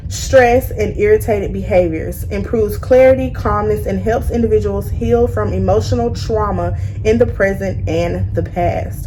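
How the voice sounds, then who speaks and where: A woman vlogger chats casually through her braces, talking to viewers like girlfriends. Her pitch is mid-range and her phrasing is informal and sassy. Some room noise sits behind her. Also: mellow, low-quality recording. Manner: speaks with braces, stumbles on long words. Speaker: vlogger reviewing soaps. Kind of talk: casual chatty product review.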